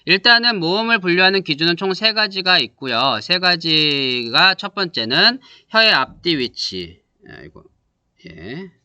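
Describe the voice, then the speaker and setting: A man teaching a class, explaining step by step, checking understanding with quick questions and demonstrating sounds aloud. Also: high voice, very animated, sharp tone, no room sound. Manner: models vowel sounds aloud for students to repeat. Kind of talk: classroom lecture.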